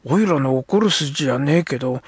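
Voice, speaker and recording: A man voicing a rough, sulky young Edo street boy who talks in coarse slang. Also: a little high, expressive, brisk, no room sound, clean studio sound. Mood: sulky, gruff. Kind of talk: audiobook character voice.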